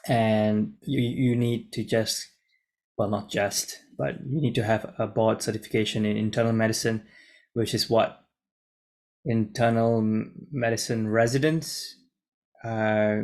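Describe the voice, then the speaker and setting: His voice lowish, steady, and darkish, a junior doctor from Singapore in his twenties reads a script to camera in a casual, unhurried way. He stumbles and restarts frequently, and the audio comes from a laptop mic on a video call in his room.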